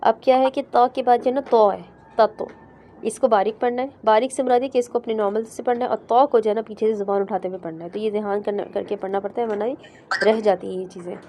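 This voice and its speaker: A woman teaching Quran recitation in a class, patiently explaining letters step by step and sounding them out slowly. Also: mid-range voice, steady tone, warm tone, slight background noise. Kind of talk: online class explaining pronunciation.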